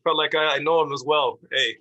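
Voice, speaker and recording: A man hosting a video call, wrapping up casually with a relaxed, friendly manner. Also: fairly high pitch, brisk, muffled recording. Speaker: host. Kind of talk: casual meeting wrap-up.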